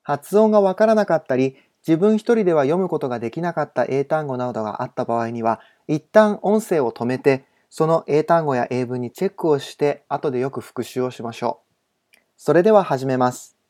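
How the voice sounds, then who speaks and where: Guy teacher doing a home-study english lesson, slightly high voice, slow careful reading. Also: expressive, a little mellow. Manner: polite, instructive explanations.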